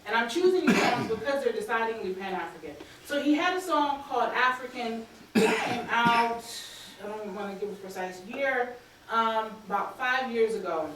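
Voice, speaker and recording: A woman's voice: a little high, expressive, moderate pace, slight background noise. Woman lecturing in an echoey hall. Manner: earnest lecturing with frequent ums, reading quotes aloud. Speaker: academic speaker. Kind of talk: conference talk. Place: lecture hall, standing at a lectern. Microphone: lectern microphone. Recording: very echoey hall, heard from a distance.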